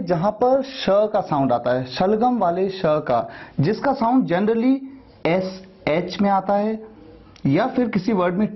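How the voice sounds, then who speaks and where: A man teaching English pronunciation, patiently explaining and repeating example sounds slowly. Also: high-pitched, slightly rough, dull audio. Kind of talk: spoken language lesson.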